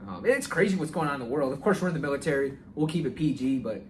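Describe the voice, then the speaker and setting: A young man co-hosting a casual podcast, relaxed and rambling with fillers, recorded on a phone. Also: mid-range voice, fast. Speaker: podcast co-host. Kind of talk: casual chat. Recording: faint ambient noise, phone mic.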